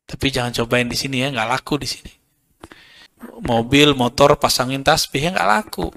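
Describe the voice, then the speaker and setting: A man's voice: medium pitch, normal speed, creaky, bright, forceful tone. A man giving an informal religious lecture, joking, chatting with the audience and quoting Arabic verses. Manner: joking, conversational, quotes Arabic and addresses audience as Pak. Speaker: Islamic preacher.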